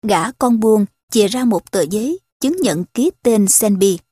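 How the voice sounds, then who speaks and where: A woman narrating a novel aloud in a steady, clear reading voice. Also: mid-range voice, unhurried, no room sound, clean studio sound. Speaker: audiobook narrator. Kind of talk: storybook narration.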